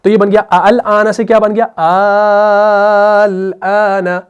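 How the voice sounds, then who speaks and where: A man with an Urdu accent teaching tajweed, explaining lively and often asking his students questions. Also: high-pitched, muffled recording. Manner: lively explaining, repeats questions to students, slow melodic recitation. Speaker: Quran recitation teacher. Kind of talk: tajweed lesson.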